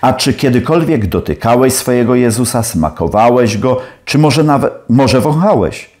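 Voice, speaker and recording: A man's voice: medium pitch, animated, normal speed, a little mellow, lightly acted. A man playing a stern older professor who presses his questions in a challenging, probing way.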